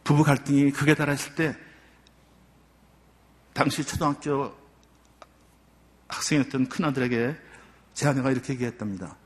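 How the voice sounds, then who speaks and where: Older man, church elder, earnest testimony, long pauses, reverberant hall. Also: mid-range voice, fairly even intonation. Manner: earnest, heartfelt storytelling with many pauses.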